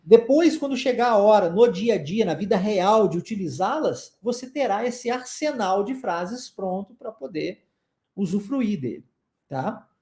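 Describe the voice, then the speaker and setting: Lively Brazilian teacher in a roomy echo. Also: male voice, high voice. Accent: Brazilian Portuguese. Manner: slow, deliberate modeling of phrases, encouraging. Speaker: English teacher. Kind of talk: English lesson with repeat-after-me drills.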